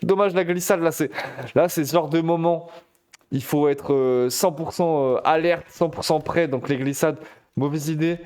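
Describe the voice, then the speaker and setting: A man casting a competitive shooter match live, chatty and excitable, talking straight to his viewers. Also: fairly high pitch, moderate pace, clear, resonant tone. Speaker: esports caster. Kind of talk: live game commentary.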